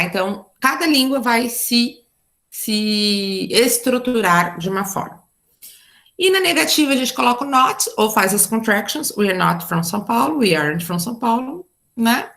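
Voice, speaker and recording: Brazilian woman English teacher, patient and repetitive, creaky gravelly voice, computer mic. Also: on the high side, expressive, moderate pace, a bit bright. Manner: patient, repeats with "né?" and "tá?". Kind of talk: online class explanation.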